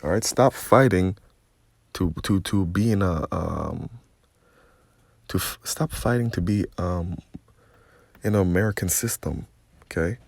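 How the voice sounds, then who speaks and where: A man's voice: deep voice, measured pace, creaky, pauses often, dry recording. A man giving a confrontational, profane religious rant, constantly repeating "okay?" as he preaches. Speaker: religious commentator.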